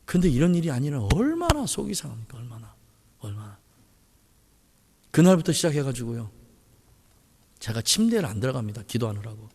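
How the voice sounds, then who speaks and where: A man preaching a sermon as pastor, impassioned, swinging between loud pleading and hushed murmurs. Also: mid-range voice, big pitch swings, fairly quick, long pauses, breathy edge, in a large hall. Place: church sanctuary.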